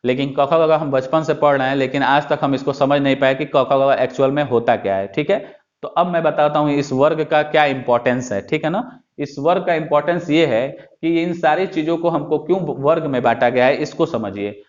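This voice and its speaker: A man with a somewhat high voice teaches in a patient classroom style. He keeps asking a question and then answering it himself, over and over. The recording is muffled and lo-fi. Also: brisk. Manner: repetitive, asks questions then answers them. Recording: dull lo-fi sound.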